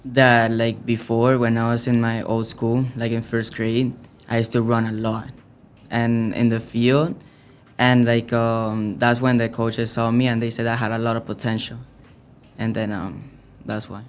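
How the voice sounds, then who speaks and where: Soft-spoken young Venezuelan man, hesitant. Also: mid-range voice, flat delivery, measured pace, slight background noise. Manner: hesitant, many fillers and restarts. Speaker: youth soccer player, guest. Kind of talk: casual interview answers.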